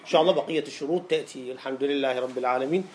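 A man with an Iraqi Arabic accent, a sheikh giving a classroom lecture on rhetoric. He explains by asking and answering his own questions and reads quoted lines slowly and deliberately. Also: medium pitch.

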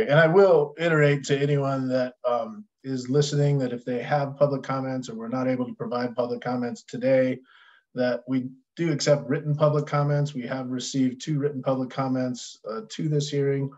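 A man runs a virtual public hearing, calling on speakers in a polite, procedural way. His voice is mid-pitched. The call audio sounds dull and muffled. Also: a little mellow. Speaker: hearing officer. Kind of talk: procedural meeting moderation. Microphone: video call.

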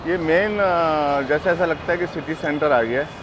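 Middle-aged man vlogging on a busy street. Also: fairly high pitch. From Pakistan. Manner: unhurried, chatty, many fillers. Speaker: travel vlogger. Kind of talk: casual walking vlog narration. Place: busy city street outdoors. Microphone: clip-on lapel mic. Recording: outdoor street noise. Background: street traffic.

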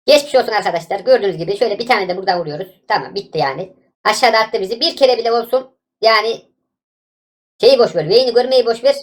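A woman giving live gameplay commentary as a gaming YouTuber, excitable and exasperated, shouting back at the game. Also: fairly high pitch, fast talker.

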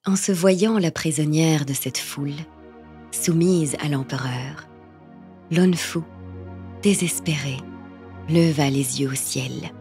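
A woman narrating a literary tale in a slow, hushed, tender reading. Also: low voice, soft background music.

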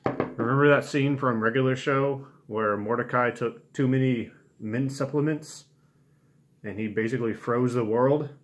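A man's voice: medium pitch, a little slow. A man in his twenties chatting casually to camera in a laid-back, understated way, recorded at home. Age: 20s. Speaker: challenge video host. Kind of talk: casual vlog chat to camera. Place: small home room indoors.

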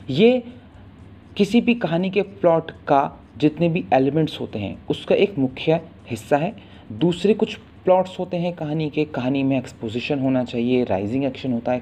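A man teaching a literature lesson, explaining terms patiently and repeating sounds to drill them, reading English definitions slowly before explaining them in Hindi. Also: fairly high pitch, warm tone, dull audio, slight background noise.

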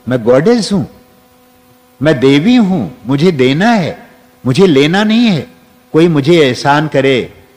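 A man's voice: medium pitch, darkish tone. A man giving a spiritual discourse to an audience, leading guided affirmations and repeating phrases. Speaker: spiritual teacher. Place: large hall with an audience. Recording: long reverb from a hall.

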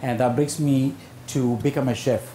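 In an interview, a chef in his forties with a South Indian accent speaks casually in a mellow, mid-range voice at a moderate pace, his intonation fairly even. He's the executive chef and guest, wearing a lapel mic at a demonstration table in an open-air hotel pavilion. There's roomy echo, music underneath, and slight background noise.

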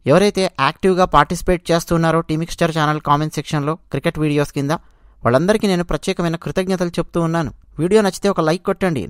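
A cricket channel host delivers cricket commentary, recapping play in a conversational, emphatic way. The voice sits at a middling pitch and speaks straight to listeners. The sound is dry, with little room around it. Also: smooth, dry recording.

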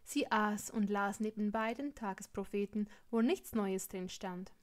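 A woman reading fan fiction aloud in steady, plain storytelling. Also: medium pitch, measured pace. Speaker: reader.

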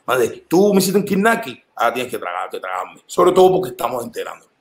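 Cuban man, rapid animated conversational delivery, emphatic, medium pitch, echoey room. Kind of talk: casual conversation.

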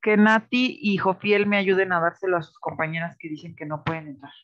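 A woman's voice: fairly low pitch, flat delivery, fairly quick, dry recording, lo-fi sound. A woman teacher with a Mexican accent giving patient, explanatory feedback in an online class, often checking that the students follow. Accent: Mexican Spanish.

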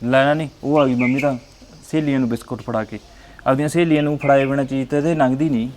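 A man's voice: mid-range voice, fairly even intonation, fast talker, darkish tone, slight background noise, close to an everyday voice. A man playing a helpful, teasing grandson talking to his grandmother in a family drama.

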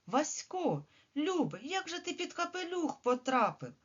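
A woman voicing Vadyk, a small frightened boy in a children's story, speaking in excited exclamations. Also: sits high, a little slow, muffled recording, pitched above the performer's own voice. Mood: tender.

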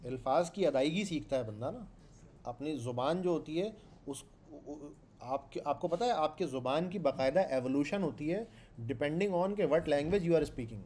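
A man with a Pakistani Urdu accent lectures a class on programming, his voice pitched a little high yet dark and mellow in tone. He talks conversationally, asking his students questions and going back over each point. The delivery is that of a teacher in front of a live room. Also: lively intonation, a little slow, slight background noise. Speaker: programming instructor.

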